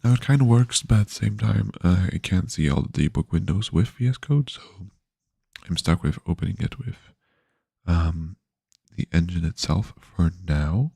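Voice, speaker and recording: A man's voice: deep voice, expressive, normal speed, creaky, dark tone, slightly rough, dry recording, studio quality. A man streaming his game development work, talking casually and sleepily with many fillers and restarts. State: yawny. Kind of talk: casual live-stream devlog.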